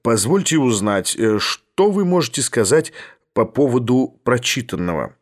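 A man's voice: mid-range voice, very animated, unhurried. Man doing a haughty, thundering old professor. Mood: ironic. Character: imperious, ironic older male professor. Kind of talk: audiobook reading.

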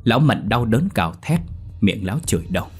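A man's voice: fairly low pitch, sing-song, fairly quick, husky, soft background music. A man telling a ghost story in scripted, dramatic narration.

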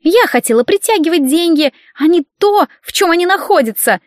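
A woman voicing a whiny, hysterical injured woman who complains in a shrill voice in an audiobook. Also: very animated, brisk, dry recording, clean studio sound. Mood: whining.

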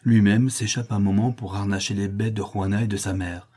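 A man's voice: lowish voice, fairly even intonation, fairly quick, dark tone, slightly rough. A man reading a novel aloud as an audiobook, in a dramatic storytelling delivery. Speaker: audiobook reader. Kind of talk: scripted narration.

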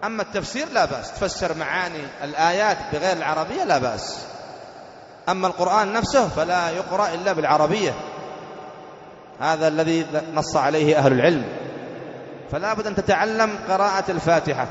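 A man teaching a religious lesson. He explains point by point, repeats the key rules and slows down to recite verses with careful stress. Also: on the high side, lively intonation. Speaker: sheikh teaching fiqh. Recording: echoey hall, dull lo-fi sound.

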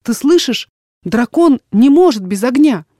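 A woman's voice: fairly high pitch, animated, unhurried, dark tone, dry recording, studio quality, voice pushed up. A woman reading the part of a desperate, defiant young daughter in an audiobook, pleading in an urgent, emotional way.

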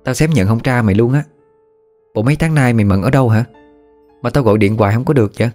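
A man voicing a boastful, scheming young village woman, showy and shrill when panicked. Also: fast, darkish tone, faint music behind, close to an everyday voice. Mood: teasing.

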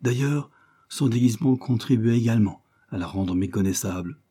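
A man reading the part of a grave husband who confides a painful secret, in a solemn, measured manner. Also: mid-range voice, mellow, close to an everyday voice.

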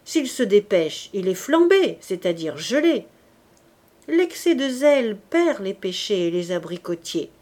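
A woman's voice: medium pitch, very animated, measured pace, darkish tone. A woman reading an audiobook, voicing a pompous young man who lectures his friends in grand, sententious phrases.

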